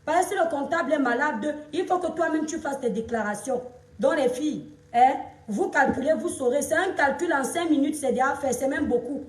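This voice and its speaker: A Cameroonian woman with a Cameroonian French accent, hoarse from shouting, chatting on a live stream, greeting viewers and lecturing them. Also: high voice, fairly quick, reverberant, far from the mic. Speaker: livestream influencer and seller. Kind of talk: casual Facebook live chat.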